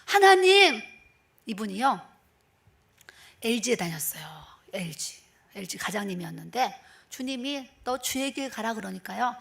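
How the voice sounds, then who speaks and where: A high-pitched middle-aged woman preaches a personal testimony. She tells the story lively, acting out each exchange and laughing often. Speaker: pastor.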